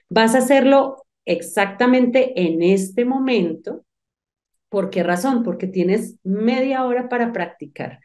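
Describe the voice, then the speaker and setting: Lively woman teaching phonics. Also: mid-range voice. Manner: lively, talks directly to the student, thinks aloud. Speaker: English teacher. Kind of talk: online phonics lesson.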